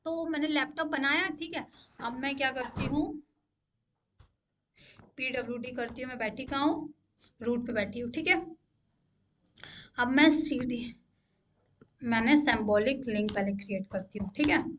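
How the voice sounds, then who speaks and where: Young woman instructor, high voice, patient step-by-step screen-share teaching with frequent check-ins, faint noise. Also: normal speed, long pauses. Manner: repeats "ठीक है" to check in, asks questions aloud. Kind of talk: screen-share coding tutorial.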